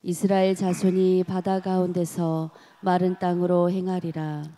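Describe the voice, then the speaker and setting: A woman reading scripture aloud during a worship service. She reads slowly and with measured pacing. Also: lowish voice, little pitch movement, dark tone, slight background noise.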